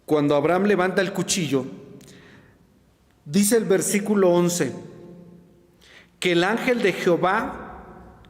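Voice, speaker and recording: Male pastor, high voice, dramatic retelling, boomy church echo; long reverb tail. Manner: dramatic storytelling, pace swings between rushed and drawn out. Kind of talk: sermon. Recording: echoey hall with long reverb.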